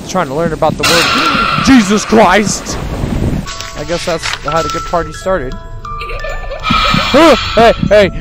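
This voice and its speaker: A young man streaming a horror game, reacting in a scared, joking way, jumpy, pleading and rambling crudely. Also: a little high. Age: young adult. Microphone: headset. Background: loud game music.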